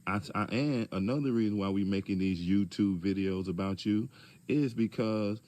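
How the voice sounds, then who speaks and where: Brief: man, low voice, measured and pointed, AAE features, calls someone out directly. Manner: calm but pointed, rhetorical questions. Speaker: commentator addressing a public figure. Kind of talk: direct-address video commentary.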